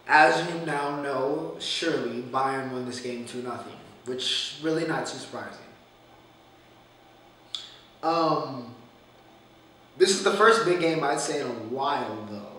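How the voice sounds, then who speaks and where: A man's voice: on the high side, bright, forceful tone. Male sports talk host with a groggy morning voice, loose and opinionated, recorded far off the mic in a very echoey room. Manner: loose, rambling and opinionated, with restarts. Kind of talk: casual solo sports talk. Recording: echoey room, distant mic, faint noise.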